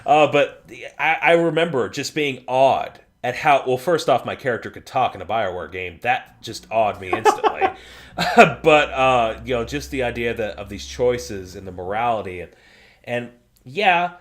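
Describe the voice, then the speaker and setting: A man co-hosting a casual gaming podcast, excitable, swearing freely and laughing often. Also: mid-range voice, normal speed. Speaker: podcast co-host.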